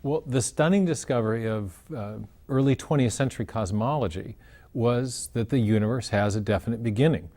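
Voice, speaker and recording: Man, guest philosopher of science, measured explainer, restarts often, mid pitch. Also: mellow. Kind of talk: explanatory interview answers.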